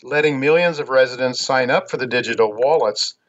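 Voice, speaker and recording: A man with an American accent hosting a radio show, reading out commentary in a halting, measured way. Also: medium pitch. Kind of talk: radio monologue, reading out news on markets. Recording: dull, lo-fi radio line.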